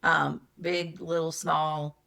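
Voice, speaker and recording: A woman's voice: low-pitched, level tone, slow pace, vocal fry, pushed and bright. An older woman co-hosting a podcast from a hotel room, leading questions in a chatty, emphatic way. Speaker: podcast co-host. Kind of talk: casual chat.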